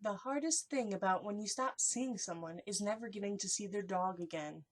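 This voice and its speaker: Young woman vlogger in a hushed, whispery voice. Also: mid-range voice, moderate pace. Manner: hushed, whispery delivery, as if sharing secrets. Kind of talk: casual chat, reading and reacting to short messages.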